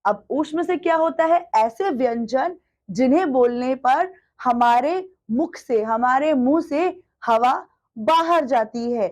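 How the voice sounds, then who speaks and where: A woman gives a lesson on the alphabet for children in a high, light voice. She speaks slowly and patiently, drawing out each letter sound and answering her own questions to the class. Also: lively intonation, a little mellow. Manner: asks the children questions and answers them herself. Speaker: teacher.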